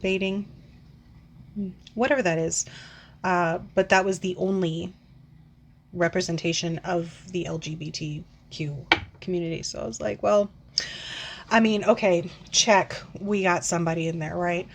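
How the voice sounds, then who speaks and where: A woman's voice: lowish voice, steady tone, measured pace, gravelly, pauses often, a little hiss or hum. A woman in her forties ranting casually into the camera, rambling and swearing, with frequent sighs and filler words. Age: 40s. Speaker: book vlogger. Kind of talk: casual rant.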